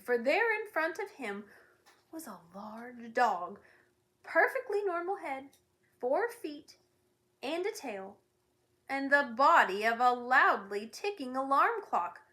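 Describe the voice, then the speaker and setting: A woman reading a children's novel aloud, expressive and lively. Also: a little high, slow. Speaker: storybook reader.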